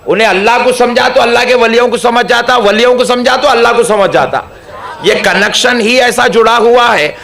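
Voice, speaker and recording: A man with a high, bright, ringing voice delivers a devotional sermon. He repeats lines for weight, talks straight to his listeners and rises to shouted climaxes. The sound is echoey, like a hall PA. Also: moderate pace, vocal fry. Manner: addresses crowd directly, invites questions. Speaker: preacher.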